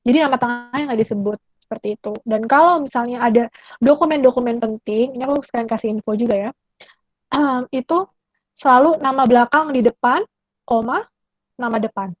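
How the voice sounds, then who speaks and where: Young woman tutor from Indonesia, high voice, patient and repetitive, dry dull recording. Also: dry recording. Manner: explains patiently, repeats phrases slowly, checks in with "oke?". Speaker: German language tutor. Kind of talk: online language lesson.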